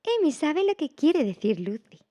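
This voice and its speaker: A woman voicing a kind, helpful little bear cub in a storybook, talking in a warm, reassuring way. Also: high voice, sing-song, normal speed, no room sound, clean studio sound, voice pushed up.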